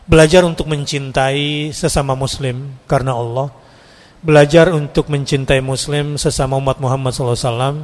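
A man's voice: medium pitch, steady tone, fairly quick. A man preaching to a congregation in a chatty, teasing way, rising to emphatic peaks. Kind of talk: sermon to a live congregation. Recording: hall reverb.

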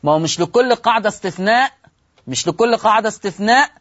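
A man with an Egyptian accent teaching Quran recitation rules in a broadcast lesson. He asks rhetorical questions, answers them himself, and slows down to stress each rule. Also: sits high, expressive, fairly bright tone, dry recording, dull audio. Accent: Egyptian Arabic. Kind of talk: televised religious lesson.

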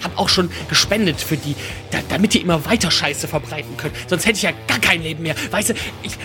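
A man's voice: on the high side, quick pace, over music, close to an everyday voice. A man voicing a crude, spiteful, obsessive ranter with a Saxon accent in a comedy sketch, grumbling and swearing.

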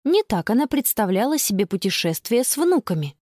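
A woman narrating a children's audiobook with expressive storytelling. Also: on the high side, brisk, dry recording, clean studio sound. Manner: expressive storytelling, bright voice for the girl. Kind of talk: scripted narration.

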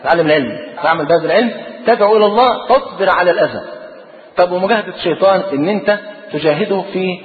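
A man with an Egyptian Arabic accent gives a religious lecture, talking rapidly and putting rhetorical questions to his listeners. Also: high voice, soft background music. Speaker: preacher. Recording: tinny phone-like recording in an echoey hall.

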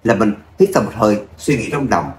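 A man narrating a serialized web novel episode in a steady storytelling voice. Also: lowish voice, fast talker, roomy sound, a little hiss or hum. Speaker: audiobook narrator.

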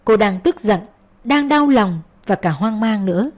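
A woman's voice: mid-range voice, expressive, a little slow, darkish tone. Woman narrating a romance audiobook. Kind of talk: scripted narration of a romance story.

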